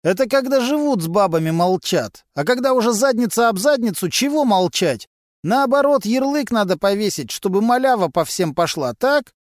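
Guy doing a mouthy slangy mechanic in an audiobook, high jumpy voice, dry sound. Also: expressive, moderate pace, no room sound. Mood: brash. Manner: mocking, brash, full of criminal slang. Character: cocky male mechanic with thieves' slang.

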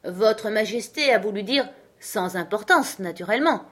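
A woman's voice: medium pitch, expressive, a bit bright, voice pushed up. A woman voicing a fussy, respectful male rabbit courtier in a storybook reading, in a raised, eager voice. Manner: deferential, quick, fussy.

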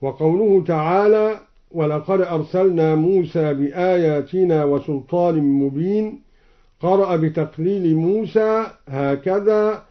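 A man with an Egyptian accent teaching Quran recitation, explaining each reading and then chanting it slowly. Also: on the high side. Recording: dull old radio broadcast.

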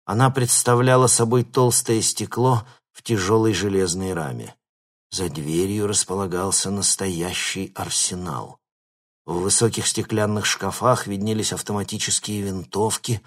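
A man reading an audiobook in steady, scripted narration. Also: deep voice, a little slow. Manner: steady storytelling.

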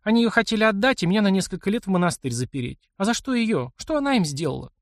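A man voicing a defiant, tearful, sharp-tongued young noblewoman in an audiobook. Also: high-pitched, expressive, fast, no room sound, studio quality, voice pushed up. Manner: teasing, challenging. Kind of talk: audiobook character voice.

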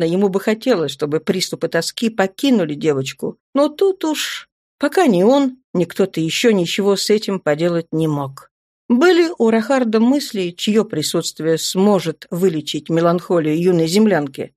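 Expressive woman narrating an audiobook. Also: medium pitch, no echo, clean studio sound. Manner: expressive storytelling. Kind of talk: scripted narration.

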